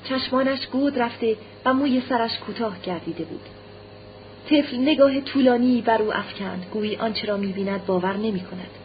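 A woman reading a classic novel aloud in a measured, storytelling way, her voice on the higher side. The recording sounds dull and lo-fi, with a faint hiss underneath. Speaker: narrator.

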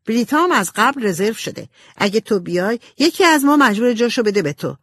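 A woman voicing a hot-tempered, bossy teenage girl in a storybook, sharp and scolding. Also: fairly high pitch, sing-song, no echo, studio quality, voice pushed up.

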